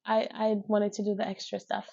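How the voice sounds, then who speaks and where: A woman with a New York accent, talking casually as a podcast guest about her work as a fashion designer, chatty and quick to laugh. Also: mid-range voice, completely flat delivery, creaky, mellow, highs cut off. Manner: chatty, laughs easily, quotes her own thoughts.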